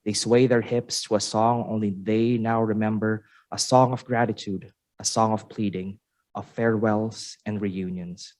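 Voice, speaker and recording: A man's voice: lowish voice, steady tone, darkish tone. A man reciting his spoken-word poem at an open mic in a university exhibition room. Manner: measured, lyrical recitation. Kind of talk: spoken-word poetry reading.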